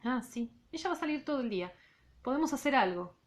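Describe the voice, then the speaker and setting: A woman's voice: high voice, expressive, fast. A woman reading the part of a mysterious young woman aloud from a novel. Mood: pleading. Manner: read aloud softly from a novel.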